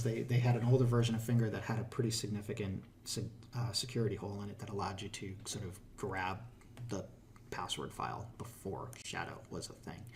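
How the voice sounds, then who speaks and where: This middle-aged Boston-accented man has a fairly low voice with vocal fry. A tech hiring manager, he gives advice in a relaxed interview, with lots of fillers and restarts.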